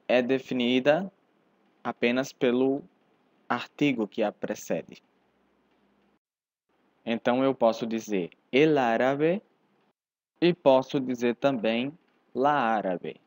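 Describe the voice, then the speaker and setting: A man teaching a grammar lesson, explaining slowly and deliberately, step by step. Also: mid-range voice, darkish tone, no echo. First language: Portuguese. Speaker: language teacher.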